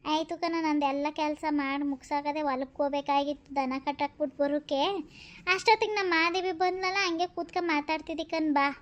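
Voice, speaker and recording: A woman's voice: sits high, steady tone, fairly quick, muffled recording. A woman performing a village gossip comedy skit, voicing several quarrelsome, chattering women.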